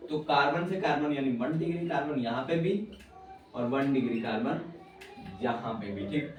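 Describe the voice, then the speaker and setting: A man's voice: medium pitch, moderate pace, dull audio. A man teaching chemistry at a whiteboard in a casual, teasing way, talking straight to his student. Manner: chatty, teasing, addresses student as bhai. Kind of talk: informal whiteboard lecture. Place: classroom with whiteboard. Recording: very echoey room, mic far off, faint noise.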